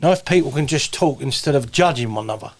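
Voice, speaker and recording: A man's voice: mid-range voice, animated, fast. A man with a southeast English accent hosting an interview, talking earnestly and emphatically and calling his guest "bruv". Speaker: host. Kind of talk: supportive interview chat.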